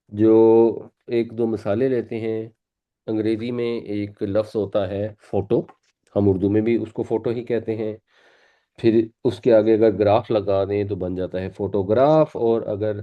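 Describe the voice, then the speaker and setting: A man with a lowish voice teaches a Quran class, patiently explaining pronunciation and repeating words for his students. The audio sounds dull.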